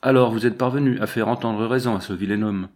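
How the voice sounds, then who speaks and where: A man's voice: fairly low pitch, fast, a little mellow, close to an everyday voice. A man voicing a frightened, anxious young woman in a read-aloud novel. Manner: anxious, pleading.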